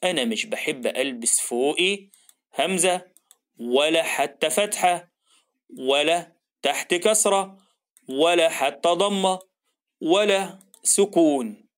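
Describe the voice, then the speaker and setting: A man with an Egyptian Arabic accent voicing the letter Alif as a stubborn male figure who sets rules, in a slow, lowered storytelling voice for a children's lesson. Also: fairly bright tone. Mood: firm.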